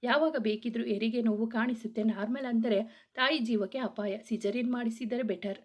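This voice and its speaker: A woman voicing a doctor who gives calm, matter-of-fact medical advice. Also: a little high, brisk, lightly acted. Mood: advising. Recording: dull lo-fi audio.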